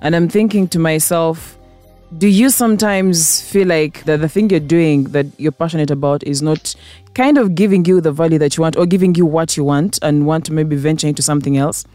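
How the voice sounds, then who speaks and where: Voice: medium pitch, brisk, dark tone, no echo, soft background music. An interview host who asks curious, probing questions and gives short replies while the guest talks. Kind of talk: casual interview.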